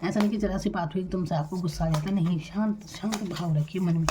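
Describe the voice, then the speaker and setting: A woman from India giving a tarot reading, speaking quietly and calmly and addressing the viewer directly with reassurance. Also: fairly low pitch, noisy background. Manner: soft-spoken, deliberately quiet. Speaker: tarot reader.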